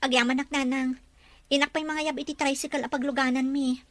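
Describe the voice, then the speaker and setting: A woman's voice: high voice, flat delivery, a little fast, a bit bright, no echo. A woman with an Ilocano accent acting a dutiful young mother, polite to her elders, in a family drama. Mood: polite, anxious.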